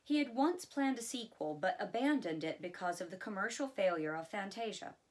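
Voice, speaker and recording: A woman reading a biography aloud in a relaxed way, adding chatty asides of her own. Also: mid-range voice, moderate pace. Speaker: audiobook reader.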